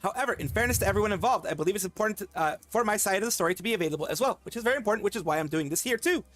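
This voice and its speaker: A man streams commentary while reading a document aloud, stopping often to add remarks. He talks fast and haltingly, full of fillers and restarts. His voice is high-pitched and a bit bright, with lively intonation.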